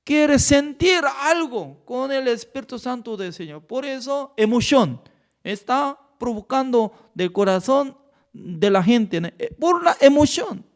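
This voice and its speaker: Pastor coreano de voz aguda y pausada. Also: male voice, extremely high pitch, expressive. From Korea. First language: Korean. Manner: emphatic, with rhetorical questions and non-native grammar. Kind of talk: Bible study teaching.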